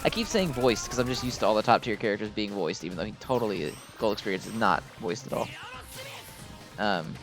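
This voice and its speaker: A gaming video host with a lowish voice and lively intonation rambles fairly quickly over game music. His casual, unscripted gameplay commentary is informal fan talk, full of self-deprecation.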